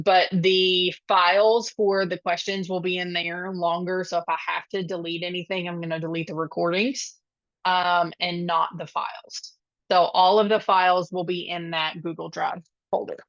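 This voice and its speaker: A woman's voice: on the low side, fairly bright tone, no echo. A woman leading a live online study group as a coding instructor, chatty and reassuring, with many filler ums. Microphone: video call. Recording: dull, dry lo-fi video call audio.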